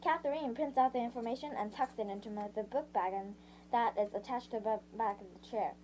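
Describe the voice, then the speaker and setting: On a low-quality recording with a little hiss or hum, a woman with a slightly high, darkish voice reads a first-person novel aloud as an amateur. She stumbles, restarts lines, corrects herself often and stops to sum up passages in her own words.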